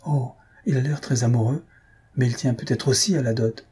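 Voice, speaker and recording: A husky-voiced man reading aloud, voicing a scheming, self-important middle-aged mother in a storybook. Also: mid-range voice, moderate pace, mellow.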